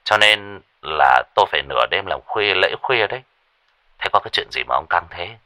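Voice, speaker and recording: A man's voice: deep voice, expressive, normal speed, bright, forceful tone, dry recording. A man doing a sleepy, grumbling shaman. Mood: drowsy. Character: drowsy young male shaman, grumpy and calm.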